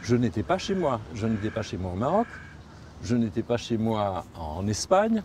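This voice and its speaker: In a reflective documentary interview, a native Spanish-speaking man talks thoughtfully and haltingly, often repeating and rephrasing while he hunts for words. His voice sits on the low side with a darkish tone, yet he is very animated. Slight background noise can be heard.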